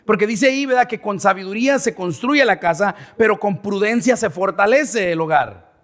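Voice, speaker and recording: This pastor's voice sits high and fairly bright as he delivers a sermon at a moderate pace, the sound carrying through a large hall. Teaching his congregation in the church sanctuary, he keeps asking them "verdad?"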